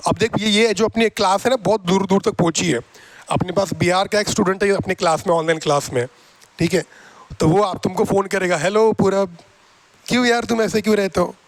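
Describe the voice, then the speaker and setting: A man's voice: high-pitched, fairly quick, no room sound. A man teaching a math class, teasing and coaxing his students as he goes. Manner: coaxing and repetitive.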